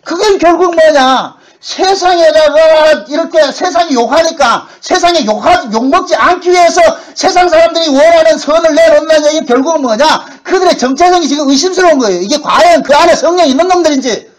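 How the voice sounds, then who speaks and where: A man preaching a sermon as pastor, talking in a colloquial way and acting out quoted voices, from loud bursts to hushed asides. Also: extremely high pitch, brisk, hardly any pauses, low-quality recording. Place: church sanctuary.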